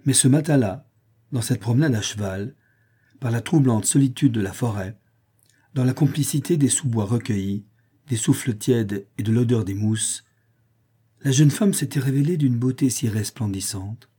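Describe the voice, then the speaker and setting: A man reading a classic French short story aloud in measured, phrase-by-phrase literary narration. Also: medium pitch, warm tone, slightly rough. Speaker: audiobook reader. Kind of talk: scripted narration.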